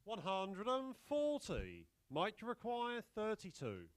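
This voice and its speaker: High, swooping male darts score caller. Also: huge pitch swings, slow pace, clean tone, no echo. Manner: announcer-like short formal calls. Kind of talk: darts score calling, formal announced scores.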